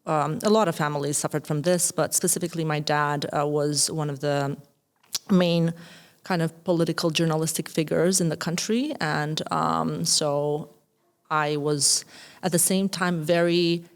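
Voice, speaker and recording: A woman in her thirties with an Albanian accent and a notably low voice. As a podcast guest she talks about her life in a reflective way. She pauses often and searches for words. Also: fairly even intonation. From Kosovo. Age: 30s. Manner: thoughtful, hesitant with many fillers. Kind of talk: reflective interview talk.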